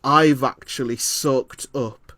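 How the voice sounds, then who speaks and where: Man from Leeds, reflective conversational delivery, mid-range voice, dry close sound, frequent pauses. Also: medium pitch, steady tone, bright, forceful tone, no room sound. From Leeds, England. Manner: thoughtful, hesitant with frequent ums; laughs often while telling stories. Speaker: interviewer.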